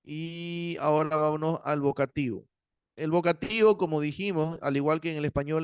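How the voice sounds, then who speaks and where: Guy teaching greek grammar, slightly high voice, close dry mic, keeps asking "ya?". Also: darkish tone, clear, resonant tone, no echo. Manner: explanatory, frequent "¿ya?" and "¿no?" checks; spells out endings and Greek words slowly. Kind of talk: university Greek grammar lecture.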